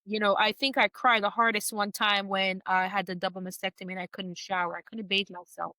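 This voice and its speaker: A woman speaks earnestly on a podcast in a bright, forceful voice, halting now and then and restarting her words. The sound is close and dry, with no room around it. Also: mid-range voice, level tone, no echo. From United States. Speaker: podcast guest. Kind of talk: emotional personal conversation.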